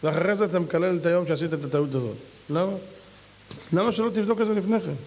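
Husky rabbi preaching in a reverberant hall. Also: male voice, a little mellow. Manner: emphatic, mimics others in high voices, rhetorical questions. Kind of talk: sermon.

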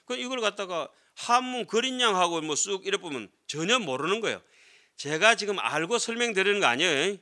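A middle-aged man teaching as a Buddhist monk gives a classroom lecture on Buddhist scripture to a seated audience in an indoor lecture room, using desk gooseneck microphones. His fairly high voice is strikingly bright and forceful, and he explains conversationally, frequently tossing short tag questions at listeners.

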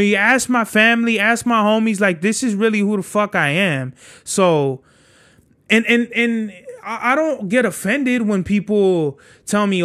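Young male podcast host, high voice, rambling and profane, street slang. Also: a bit bright. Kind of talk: casual solo monologue.

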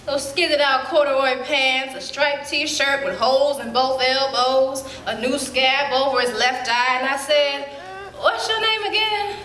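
A woman performing a dramatic stage monologue as a spirited woman recalling her girlhood, telling it in lively, colloquial speech with sudden jumps in pitch. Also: a little hiss or hum. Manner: lively storytelling, colloquial, with quick leaps up in pitch. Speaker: stage actor. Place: theater stage. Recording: roomy hall.

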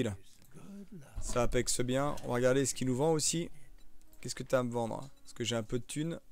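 A young man with a mid-range voice and vocal fry streams a live survival game. He chats casually, cracks jokes, and answers viewers in the chat as he provides gameplay commentary.

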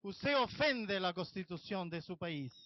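Impassioned Italian man, high voice. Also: expressive, unhurried, dull audio, slight background noise. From Italy, Sicily. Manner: impassioned, demanding. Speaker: activist speaker. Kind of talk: public protest speech.

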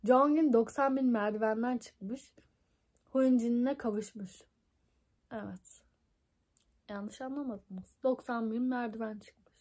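A young woman reads a fan-written story aloud into her phone in an unhurried, slightly high voice. Her throat is scratchy and tickly, and she keeps stumbling, laughing and making fun of the text as she goes. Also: steady tone, darkish tone. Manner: amused, mocking asides, frequent laughs and stumbles. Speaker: reader of a fan fiction book. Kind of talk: casual reading aloud, commenting and laughing.

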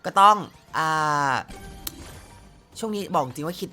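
A woman with a slightly low yet bright, forward voice talks her viewers through a slot game in loose, chatty commentary. She jokes and cries out at the screen as the spins play. Soft game music runs quietly under her close-mic voice. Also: animated, unhurried. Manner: chatty, playful, exclaims at the screen. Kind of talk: casual gameplay commentary.

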